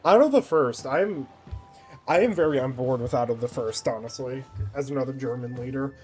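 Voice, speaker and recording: A man's voice: medium pitch, normal speed, a little mellow, husky, faint music behind. A man casually chatting on a game livestream, thinking aloud and laughing often. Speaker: game streamer.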